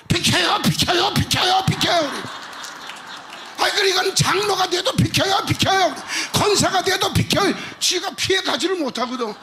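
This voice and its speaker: A middle-aged man preaching a lively revival sermon in a church, playful and animated, breaking into shouted emphasis. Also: extremely high pitch, a little hiss or hum. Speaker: pastor. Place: church sanctuary.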